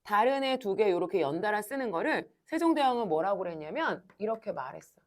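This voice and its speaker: A woman teaching a high-school language class, asking students questions and answering them herself in a brisk, coaxing way. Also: big pitch swings. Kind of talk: classroom lecture.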